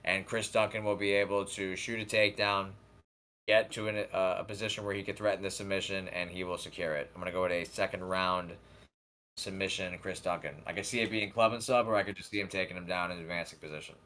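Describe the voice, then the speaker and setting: A man in casual chat calmly laying out a fight prediction step by step. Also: low voice, fast talker, a little hiss or hum.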